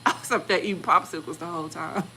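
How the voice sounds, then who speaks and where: Woman in her 40s, bright, chatty storyteller, animated quoting. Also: fast talker, slight background noise, rough recording. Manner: animated, acts out quoted voices with big pitch jumps. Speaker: channel host. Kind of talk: casual storytelling chat.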